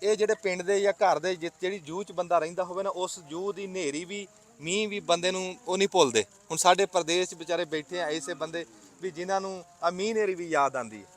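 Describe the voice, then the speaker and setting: A man's voice: high voice, brisk. A man with a Punjabi accent chatting casually as a vlog host, in a wistful, reflective way. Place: outdoors in a rainy village. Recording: noisy outdoor vlog with vehicle and ambient noise.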